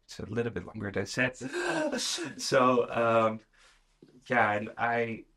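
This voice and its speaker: A man in his twenties from the Netherlands, a guest sharing his story in an earnest, slightly halting way. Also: medium pitch, huge pitch swings, gravelly, fairly bright tone. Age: 20s. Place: sitting room with other guests.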